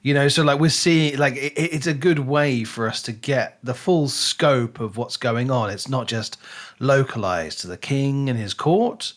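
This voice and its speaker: A podcast co-host with a mid-range voice talks unhurriedly, casually discussing a book and rephrasing as he thinks aloud.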